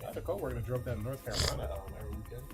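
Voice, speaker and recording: A man's voice: medium pitch, lively intonation, racing, over music. A man co-hosting a casual group podcast, tossing out would-you-rather questions and laughing often. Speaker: podcast co-host.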